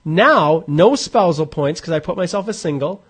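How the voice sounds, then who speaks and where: Hosting a live online question session, an immigration advisor in his 40s guides viewers step by step through a calculator. He speaks animatedly at normal speed in a fairly high, slightly bright voice for a man, informal and conversational, restarting as he thinks out loud.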